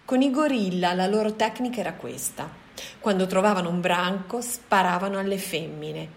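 A woman voicing a wise male gorilla teacher who speaks calmly and tells his story in a measured way. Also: mid-range voice, vocal fry, natural voice. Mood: calm, explaining.

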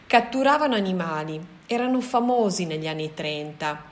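A woman voicing a wise male gorilla teacher who speaks calmly and tells his story in a measured way. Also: lowish voice, close to an everyday voice. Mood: calm, explaining.

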